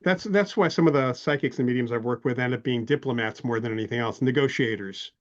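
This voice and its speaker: A male interview host with a voice of middling pitch, heard through dull, lo-fi remote audio. He speaks in a measured, anecdotal way and builds up to his questions slowly. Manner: measured, anecdotal, asks long lead-in questions.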